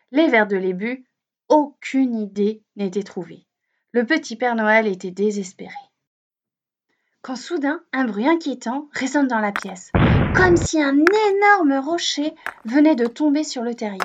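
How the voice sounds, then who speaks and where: A woman reading a children's story aloud, gentle and expressive. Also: on the high side. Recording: dull lo-fi recording.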